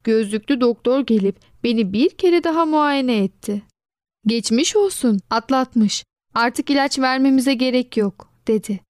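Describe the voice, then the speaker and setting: A woman narrating a children's storybook in an expressive reading voice, giving quoted lines a lively lift. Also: on the high side, no room sound, studio quality.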